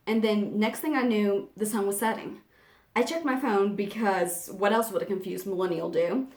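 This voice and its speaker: A woman's voice: mid-range voice, lightly acted. A woman performing a dramatic monologue as an anxious young woman, confessing in a confiding, conversational, theatrical way. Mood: incredulous, confiding. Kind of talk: dramatic first-person monologue reading. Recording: echoey room.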